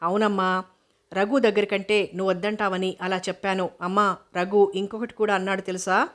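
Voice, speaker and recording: A woman voicing an innocent, eager young daughter who chatters on quickly, in an audiobook reading. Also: medium pitch, level tone, a bit bright, natural voice.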